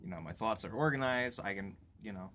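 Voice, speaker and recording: A young man co-hosting a podcast in casual chat, speaking in a measured, thoughtful way. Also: on the low side, expressive, sharp tone, slight background noise. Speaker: podcast co-host.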